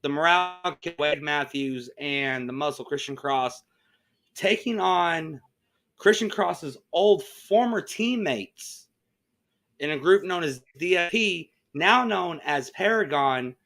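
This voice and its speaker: A man hosting a wrestling talk show in a casual, halting, hesitant way. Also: fairly high pitch, lively intonation, a bit bright. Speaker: host.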